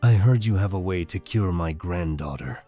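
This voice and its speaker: A man's voice: low-pitched, lively intonation, moderate pace, mellow, faint music behind, pitched below the performer's own voice. A man voicing an old, powerful male tycoon who speaks in curt, commanding lines. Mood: cold.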